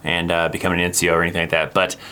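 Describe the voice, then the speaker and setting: A man's voice: low-pitched, very fast. A man hosting his channel, casually talking over a recorded clip and laughing along as he explains it. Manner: relaxed, rambling, laughs along. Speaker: channel host and former army sergeant.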